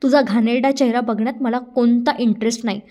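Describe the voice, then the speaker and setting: A woman's voice: on the high side, fairly even intonation, fairly quick, lightly acted. A woman voicing a spoiled, scornful young woman. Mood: scornful anger. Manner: scornful, shouting, drops English words.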